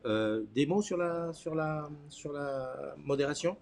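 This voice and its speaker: A man's voice: on the high side, slow pace, gravelly, noisy background. Informal, teasing man hosting live. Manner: informal, teasing, repeats himself. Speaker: live morning show host. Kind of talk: casual live chat.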